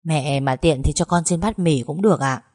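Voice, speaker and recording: A woman voicing a tired, grieving father who speaks tenderly and pleads quietly in a spoken story. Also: low-pitched, moderate pace, no room sound, studio quality.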